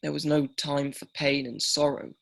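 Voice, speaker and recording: An actor playing an elderly male Holocaust survivor from Greece, speaking slowly and haltingly and repeating himself. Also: a little high, level tone, gravelly, fairly bright tone. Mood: reflective. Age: older. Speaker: survivor telling his story. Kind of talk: radio documentary drama.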